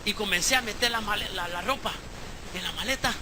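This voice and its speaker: A man preaching a sermon as pastor, moving from hushed storytelling to shouted exhortation. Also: high voice, brisk, crowd noise. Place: church service, live stream.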